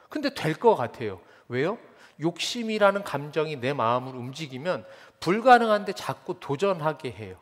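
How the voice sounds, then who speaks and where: Guy pastor preaching, slightly high voice that swings up and down a lot, big echoey church hall. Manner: animated storytelling, mimics children and teens. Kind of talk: sermon. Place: church sanctuary.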